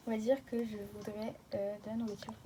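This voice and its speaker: A young woman talking fast and casually in slangy chat while commenting on her gameplay. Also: mid-range voice, flat delivery, music in the background, rough recording. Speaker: gaming video creator.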